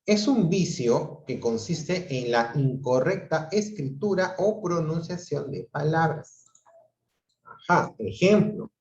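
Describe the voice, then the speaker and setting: A man's voice: fairly high pitch, animated, takes it slowly, darkish tone. A man teaching an online class, explaining patiently and often checking in with his students. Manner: explanatory, asks the class frequent checking questions. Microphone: computer mic on a video call. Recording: dull, roomy video-call audio.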